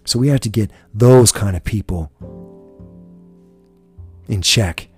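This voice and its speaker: A man's voice: fairly low pitch, slow pace, slightly rough, soft background music. A man from the United States hosting a podcast, delivering an impassioned, profane political rant. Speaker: podcast host.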